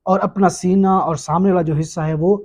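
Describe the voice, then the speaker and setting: A man teaching the rules of prayer in a patient lecture, repeating each point and pausing with fillers. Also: high-pitched, fairly even intonation, a little mellow. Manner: frequent hesitation fillers. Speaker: religious teacher.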